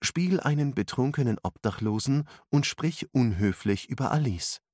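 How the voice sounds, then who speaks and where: A man voicing a calm female mentor who gives firm, encouraging instructions, read as part of a storybook narration. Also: medium pitch, moderate pace, no room sound, clean studio sound, voice pushed up, natural voice. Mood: instructive. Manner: instructive, commanding.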